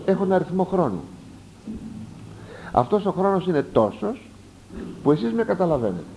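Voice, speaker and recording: A man preaching a sermon, reading passages aloud and explaining them with lively asides and sudden rises for emphasis. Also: fairly high pitch, a little hiss or hum, rough recording. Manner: animated, rising sharply for emphasis, explanatory asides. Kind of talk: sermon expounding a text.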